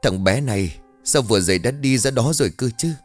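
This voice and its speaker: Frantic village mother voiced by a man in an audio horror tale, pitched high and pleading. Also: brisk, faint music behind, lightly acted. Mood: anxious. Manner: anxious, pleading calls. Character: frightened rural mother searching for her son.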